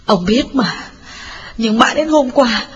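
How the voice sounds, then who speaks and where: A man's voice: very high-pitched, normal speed, a bit bright, slight background noise, pitched above the performer's own voice. A man voicing a sobbing grieving mother in her fifties. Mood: pleading. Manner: sobbing, stammering pleas.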